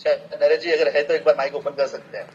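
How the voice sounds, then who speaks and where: Man rallying a meeting, slightly high voice. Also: flat delivery, quick pace, slight background noise. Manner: rallies the audience with rhetorical questions. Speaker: business presenter. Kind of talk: motivational sales presentation. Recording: dull lo-fi sound with faint ambience.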